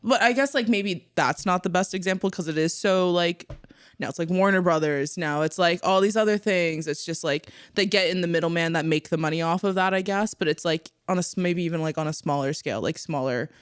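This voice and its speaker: A man's voice: high voice, brisk, clean tone, no room sound, clean studio sound. A young man co-hosting a podcast, chatting casually in a rambling way, full of "like". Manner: rambling, filler-heavy with "like", laughs easily. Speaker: podcast co-host.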